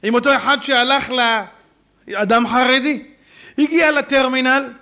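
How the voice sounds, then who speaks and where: A rabbi preaching a humorous sermon, talking straight to his listeners and jumping into shouted asides. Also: very high voice. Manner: animated, jumps into shouted asides and quick put-on voices; humorous, talks straight to the audience. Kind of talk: sermon with storytelling. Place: synagogue hall.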